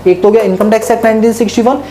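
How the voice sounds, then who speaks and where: Mellow-voiced male tax lecturer. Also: sits high, fairly even intonation, very fast, slight background noise. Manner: asks the class questions and answers them himself; mixes English terms into Hindi speech. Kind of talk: classroom lecture.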